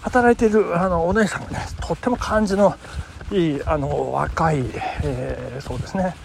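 A man's voice: fairly high pitch, normal speed, gravelly. A man hosting a casual solo podcast, telling a story in a polite, chatty way with many fillers. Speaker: podcast host and amateur rakugo performer. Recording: noisy background.

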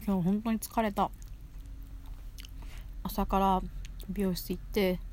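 Slow and a little mellow, a woman's medium-pitched voice carries a rambling, casual solo show recorded while she eats. She chews as she speaks, her mouth is frequently full, and she tends to repeat phrases. Intonation stays fairly even, and there's slight background noise.

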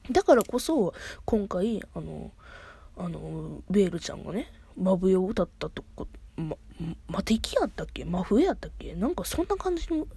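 A woman with a Kansai accent hosts a solo podcast, chatting excitedly like an eager fan. She often stops to restart her sentences. Her voice is mellow and soft-edged, recorded dry with no room sound. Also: on the low side, normal speed, vocal fry, breathy edge, no echo. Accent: Kansai Japanese. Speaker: podcast host. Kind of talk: casual solo podcast chat.

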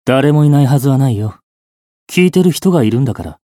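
A man voicing a calm, cryptic male occult mentor in a creepy ghost story, in a hushed, low-key way. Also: fast, no echo, studio quality, natural voice. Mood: dry, quibbling.

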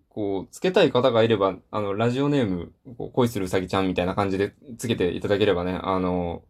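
A man's voice: medium pitch, a little mellow. A man hosting a casual solo talk show, rambling with many fillers and self-deprecating asides. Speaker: solo podcast host.

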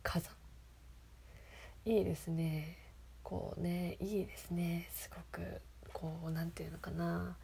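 A woman who whispers softly as she reads passages aloud and comments on them, giggling often. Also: on the low side, level tone, a little slow, vocal fry, slight background noise. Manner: soft whispering, frequent giggles. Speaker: host of a reading segment.

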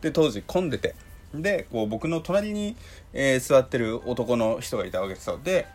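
A young man with a hoarse, dry throat and a Kansai accent, telling a story in a chatty solo podcast full of fillers. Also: medium pitch, animated, brisk, soft background music. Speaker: podcast host. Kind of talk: casual solo talk.

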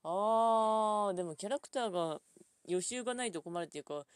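A woman talking alone in a casual, rambling way, full of fillers, thinking aloud at her computer and drifting into quiet mumbles. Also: medium pitch, expressive, moderate pace, dry recording. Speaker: solo podcast host.

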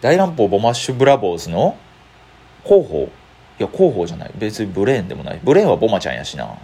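A male comedian with a Kansai accent, talking solo about his sketch ideas and acting out bits in quick character voices. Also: lowish voice, very animated, warm tone, slightly rough. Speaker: comedian podcaster. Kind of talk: solo comedy talk radio.

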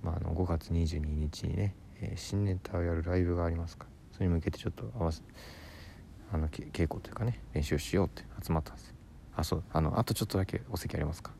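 A man, a comedian hosting his own radio show, telling a rambling story in a casual solo monologue, mixing fast patter with drawn-out words. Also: low-pitched, creaky, warm tone, a little hiss or hum.

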